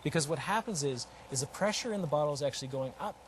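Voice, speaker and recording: Here a man shows off something he invented, live and unscripted, walking through each step with emphatic repetition. He has a fairly high, expressive voice and talks fast, and there's a little hiss or hum.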